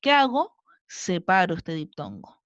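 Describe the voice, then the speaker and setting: A woman's voice: on the low side, huge pitch swings, a little slow, dry recording, dull audio. A woman teacher with a Chilean Spanish accent, giving a recorded lesson and patiently counting syllables aloud step by step. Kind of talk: recorded online class lesson.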